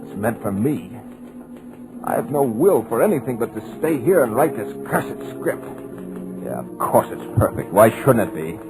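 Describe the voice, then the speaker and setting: In a 1940s radio drama, a man plays a hypnotized writer narrating his own helpless terror in desperate, urgent, breathless bursts. His voice is medium in pitch with big swings and a normal speed. The old radio recording is rough, with music playing behind him.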